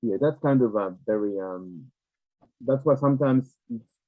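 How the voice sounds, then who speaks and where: Slow-talking Japanese-accented man, tinny echoey line. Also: mid-range voice. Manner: halting, searching for words in non-native English. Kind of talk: reflective conversational explanation. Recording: tinny, narrow phone-like, echoey room.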